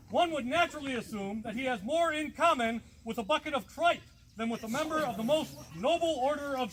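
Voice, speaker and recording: Guy reading a flowery ceremony speech super pompous, bright high voice, bit of outdoor noise. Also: rough recording. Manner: pompous, theatrical, deliberately grandiloquent. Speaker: proxy reading a letter.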